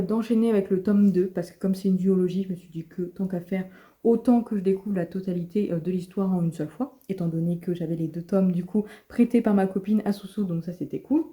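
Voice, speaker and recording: A woman talks in a casual vlog, rambling with frequent fillers and restarts. Her voice is very dark and mellow, at a middle pitch for a woman. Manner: chatty, many fillers and restarts. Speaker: book vlogger.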